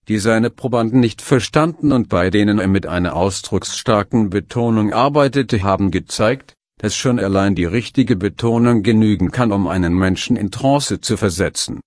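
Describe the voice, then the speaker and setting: Low-voiced man reading a calm guide. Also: dry recording, studio quality. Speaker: hypnosis instructor. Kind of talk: scripted narration of a guide.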